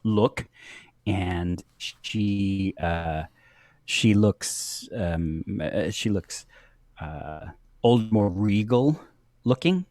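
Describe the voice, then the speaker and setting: A man narrating a tabletop game as game master, halting with many restarts and frequent laughter. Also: fairly low pitch, lively intonation, darkish tone, dry recording.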